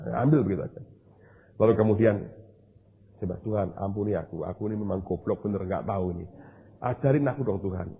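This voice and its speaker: Indonesian male pastor, lively storytelling sermon, husky voice through a tinny phone-like line. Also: mid-range voice. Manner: animated storytelling, acting out voices.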